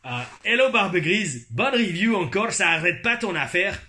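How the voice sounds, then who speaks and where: A man's voice: high voice, animated, a little slow, bright, forceful tone, voice pushed up, heavily acted. A man voicing a cheeky, teasing male Québécois fan in a put-on Québécois accent, drawing out his words playfully.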